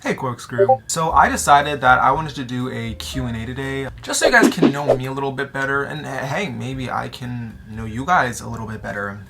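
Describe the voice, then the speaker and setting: Speaking briskly and hardly pausing, this 19-year-old American vlogger fields audience questions in a playful, slangy chat to camera. His mid-range voice is gravelly, with a lively intonation.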